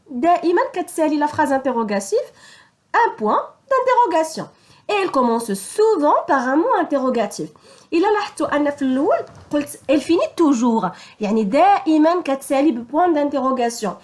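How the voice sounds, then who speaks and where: A woman with a Moroccan accent teaching French grammar, switching between French and Darija and slowing down for the example sentences. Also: high voice. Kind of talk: bilingual grammar lesson.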